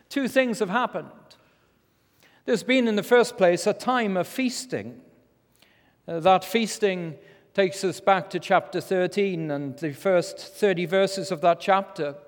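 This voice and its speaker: A British man with a lisp and slushy s sounds, preaching a formal, solemn sermon in measured phrases with rhetorical pauses. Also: sits high. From Britain. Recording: reverberant large hall.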